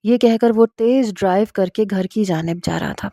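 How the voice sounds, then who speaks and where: A woman narrates a first-person story in a steady, earnest manner. Her voice is mellow and soft-edged. It is recorded dry and close, with no room sound. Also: mid-range voice, no echo.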